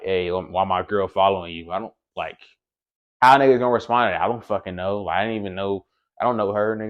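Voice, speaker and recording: A man's voice: on the low side, lo-fi sound. A young man telling a storytime vlog in casual, profane slang, rambling with lots of filler. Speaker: vlogger.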